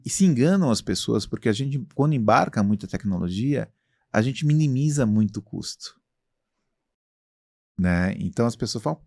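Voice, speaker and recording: A man's voice: on the low side, a little mellow, no room sound, studio quality. A Brazilian man being interviewed about his company, talking in a self-assured, expansive way with many fillers. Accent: Brazilian Portuguese. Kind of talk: casual interview talk.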